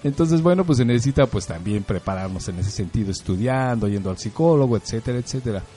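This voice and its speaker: A man's voice: medium pitch, lively intonation, fast talker, dark tone. A middle-aged man with a Mexican accent, hosting a casual talk on parenting, telling stories in a chatty way with frequent rhetorical questions. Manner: storytelling, conversational, rhetorical questions. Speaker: host.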